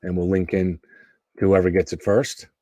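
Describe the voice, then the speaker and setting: A man's voice: low voice, level tone, moderate pace, mellow, no echo. A man hosting an online show, giving casual live commentary on news clips.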